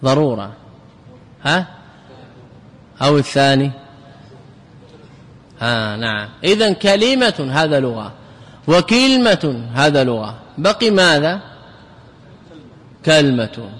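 A man's voice: on the high side, lively intonation, slow pace, long pauses, fairly bright tone, breathy edge. A man teaching a grammar class, repeating words to drill them and putting questions to his students. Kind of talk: classroom lecture. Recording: lecture hall with long reverb.

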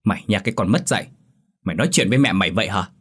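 A man's voice: mid-range voice, lively intonation, breathy edge. Man doing a furious, drunken father. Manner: fast, furious scolding. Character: angry drunken father, middle-aged, hot-tempered.

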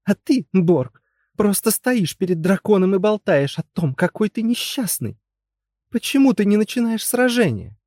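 A man's voice: sits high, very animated, normal speed, darkish tone, no echo, studio quality, pitched above the performer's own voice. A man voicing a haughty, impatient young princess who scolds petulantly in a raised voice. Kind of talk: audiobook character voice.

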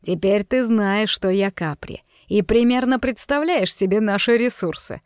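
A cruel young mobster groom , as a woman reader puts him on, talks in a sneering, sinister drawl. The audiobook voice sits at a middle pitch and is recorded dry and close, with no room sound. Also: normal speed, a little mellow, smooth, no room sound, lightly acted. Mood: menacing. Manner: taunting, sinister.

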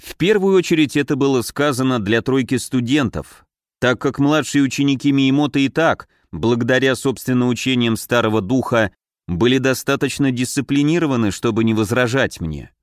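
Steady male audiobook narrator. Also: mid-range voice, normal speed, no echo, studio quality. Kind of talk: scripted fantasy narration.

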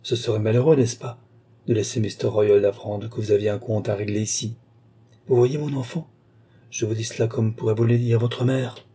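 A cold, grasping woman doctor who speaks with mock sweetness and condescension, as a male audiobook reader puts her on. The voice is dark and mellow with a husky grain. It is a storybook reading. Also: lowish voice, steady tone, normal speed. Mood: coldly wheedling. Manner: coolly condescending, calls her "ma petite". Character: greedy scheming woman doctor, cold and wheedling.

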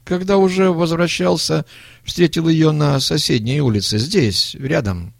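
Man putting on a jittery high-voiced young thug. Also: measured pace, vocal fry, dry recording, studio quality. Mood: nervous. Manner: high-pitched, excitable, stammering excuses. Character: jittery young male accomplice, boastful then panicky.

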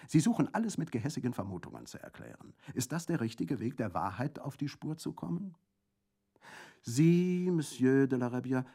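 A stiffly formal official, as a man puts him on, speaking with polite condescension in a raised, slightly higher voice. The tone is mellow and dark, and his phrasing stays measured and official. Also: animated, breathy edge. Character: official French prefect, formal and patronizing. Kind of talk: audiobook reading.

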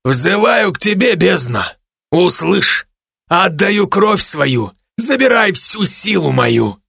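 A man's voice: high voice, very animated, slow, gravelly, pushed and bright, breathy edge, no room sound, clean studio sound, voice pushed up, heavily acted. A man doing a weary toy crocodile sorcerer. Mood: incanting.

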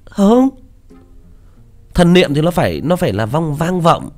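A man's voice: a little high, big pitch swings, unhurried, soft background music. A man, a story narrator, chatting casually about his voice acting, hesitant with many fillers. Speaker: audiobook narrator.

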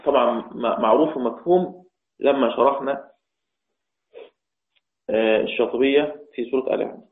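A man with an Egyptian accent teaching the variant Quran readings, repeating each phrase and chanting the quoted verses slowly. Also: medium pitch. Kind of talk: religious lesson explaining readings. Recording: echoey, tinny phone-like sound.

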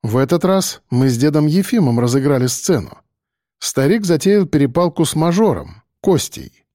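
A man reading a first-person story in steady, tense narration. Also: on the high side, moderate pace, dry recording, clean studio sound. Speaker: audiobook narrator.

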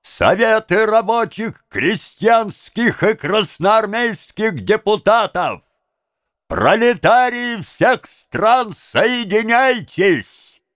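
A man voicing a fiery male street orator who declaims slowly to a crowd. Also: high voice, lively intonation, fairly bright tone, no echo, clean studio sound, voice pushed up, exaggerated voice. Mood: rousing. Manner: slow, declaiming, arms raised to the crowd.

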